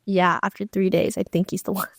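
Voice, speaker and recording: A young woman co-hosting a casual chat podcast, retelling conversations with quick asides. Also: mid-range voice, little pitch movement, vocal fry, dry recording, studio quality. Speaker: podcast co-host.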